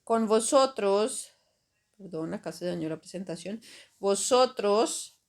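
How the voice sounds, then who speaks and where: A woman's voice: medium pitch, animated. A woman teaching a grammar lesson over slides, explaining patiently and checking in with "ok?" and "right?" after each step. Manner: slow, patient explaining with frequent "¿ok?" and "¿cierto?" checks. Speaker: Spanish teacher.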